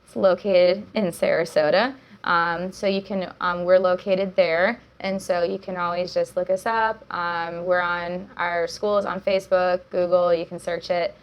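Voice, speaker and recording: A woman's voice: on the low side, steady tone, unhurried. A young woman, a jiu-jitsu coach, talking as a guest in a casual chat, upbeat and full of fillers and laughs.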